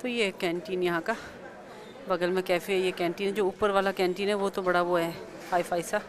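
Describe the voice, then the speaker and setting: A woman vlogging casually in a soft voice, a little short of breath, speaking into a small clip-on mic. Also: lowish voice, steady tone, a little fast, crowd noise. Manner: speaks softly after surgery, short of breath. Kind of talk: casual vlog narration.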